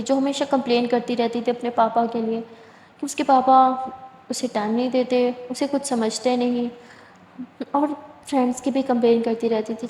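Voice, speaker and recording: A woman voicing a caring, reserved young woman lawyer in a spoken love story, in a soft, plain storytelling manner. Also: a little high, close to an everyday voice. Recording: echoey room, long reverb, faint hiss.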